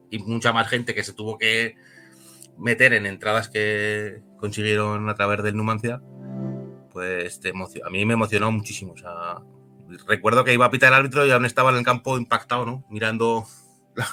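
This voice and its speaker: Male club director from Spain, low bright voice, halting and heartfelt, faint music. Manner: emotional, halting. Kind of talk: interview guest.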